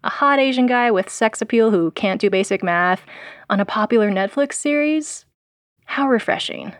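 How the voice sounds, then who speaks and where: Wry and sardonic, a producer and host delivers scripted narration for an audio documentary, sprinkling in pop-culture slang. Born in South Korea and raised in the US, she speaks at normal speed in a fairly high voice, captured with clean, dry studio sound.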